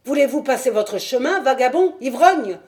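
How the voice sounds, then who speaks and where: A woman voicing an irritable old man who keeps animals, who first shouts threats and then turns fussy and polite. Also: medium pitch, expressive, moderate pace, natural voice. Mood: shouting angrily. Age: over 60.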